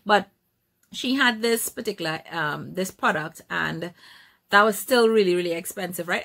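Chatty female vlogger reviewing products, some vocal fry, middle pitch. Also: a bit bright. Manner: chatty, many restarts and asides. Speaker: skincare vlogger.

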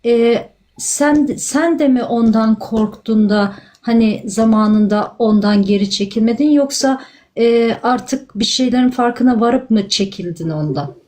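A woman on a livestream panel asking questions casually, with gentle, affectionate ways of addressing her guest. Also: a little high, a little slow.

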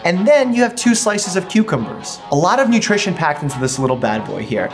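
A young man in his twenties, a doctor who hosts his own channel, runs a casual food vlog from his home kitchen and explains health benefits in an upbeat, easygoing way. His voice is high and sing-song, a little fast, with music in the background.

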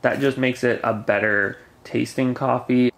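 A man's voice: mid-range voice, steady tone, measured pace. A man casually explaining how to make camp coffee, talking step by step at a picnic table in a forest. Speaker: camping gear reviewer.

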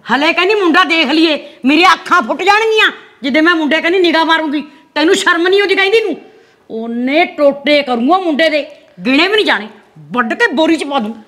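A woman acts out a fierce village mother who scolds and threatens her household. Her voice sits high and sounds bright and sharp. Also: lively intonation, fast, exaggerated voice. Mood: scolding. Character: stern older village mother, harsh and threatening. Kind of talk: rural Punjabi web drama acting.

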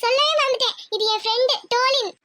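A woman's voice: very high-pitched, fast, sharp tone, slight background noise. A woman voicing a chatty, cheerful little schoolgirl in a homemade cartoon. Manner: bubbly, chatty. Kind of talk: cartoon voice acting.

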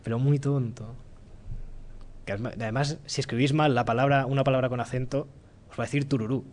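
A man with a Spanish accent from Spain giving a relaxed, joking live-coding talk in a lecture room, thinking aloud as he goes. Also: medium pitch, quick pace, a little hiss or hum. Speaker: conference speaker.

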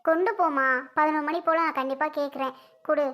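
Woman doing a sulky pregnant young wife in a family skit, high voice, weary and defiant. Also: steady tone, a little fast, fairly bright tone.

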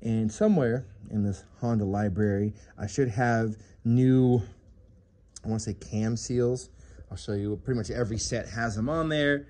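This garage vlogger speaks at a normal pace in a mellow, medium-pitched voice, holding his phone camera while he works on an engine at home. He's a car hobbyist who chats casually about the build and keeps making jokes at his own expense.

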